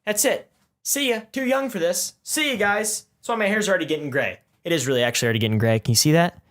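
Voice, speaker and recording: A man's voice: sits high, quick pace, fairly bright tone. A nineteen-year-old man reading viewer comments aloud in a casual vlog. He is goofy and self-mocking, swears, and often breaks into mock outrage. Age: late teens.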